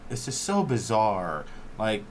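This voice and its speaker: A man's voice: on the low side, sing-song, takes it slowly, slight background noise. A man co-hosting a casual chat show, rambling with lots of fillers and casual swearing. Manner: rambling, heavy on "like" and "you know", swears casually. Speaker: co-host.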